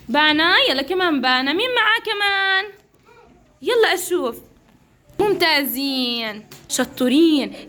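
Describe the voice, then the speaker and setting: A young woman with a Levantine accent teaching small children in a classroom, cheering them on and slowly sounding out syllables. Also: sits high, bright, forceful tone. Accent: Levantine Arabic. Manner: encouraging, praises often, drawn-out sounding of syllables. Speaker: kindergarten teacher. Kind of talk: classroom phonics drill.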